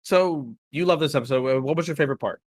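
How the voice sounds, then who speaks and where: A man's voice: a little high, quick pace, no echo. A man co-hosting a casual review chat, rambling through points with frequent restarts and small chuckles at his own nitpicks. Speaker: co-host reviewing an animated episode.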